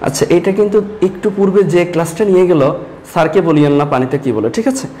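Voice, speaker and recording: A man's voice: a little high, animated, quick pace, mellow, a little hiss or hum. A man from Sylhet teaching an online class, asking students repeated questions and addressing them directly. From Sylhet, Bangladesh. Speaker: Bengali teacher.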